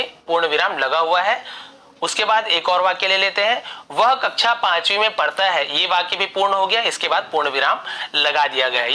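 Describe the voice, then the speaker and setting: A man's voice: sits high, sharp tone. A young man teaching a grammar lesson, patiently repeating example sentences aloud.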